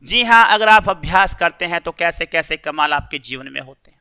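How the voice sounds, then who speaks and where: A man teaches a young class, reading a story aloud and then retelling it in plain words. His voice sits high and sounds very bright. Every word comes through crisp and clear. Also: lively intonation, normal speed. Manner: reads story passages, then explains them in simple words. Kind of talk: reading and explaining a school lesson.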